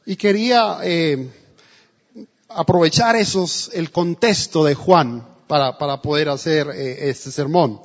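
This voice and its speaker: A man's voice: on the high side, takes it slowly. A male pastor preaching a sermon in a church, telling a story and acting out the quotes. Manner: storytelling with acted quotes, emphatic. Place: church hall. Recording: dull, echoey church recording.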